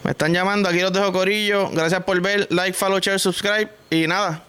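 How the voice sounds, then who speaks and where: A man's voice: high-pitched, fairly even intonation, a little fast, a bit bright, soft background music. A man with a Puerto Rican accent hosting a vlog, delivering a crude, joking rant packed with slang. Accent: Puerto Rican Spanish. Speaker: vlogger host. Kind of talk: casual comic monologue vlog.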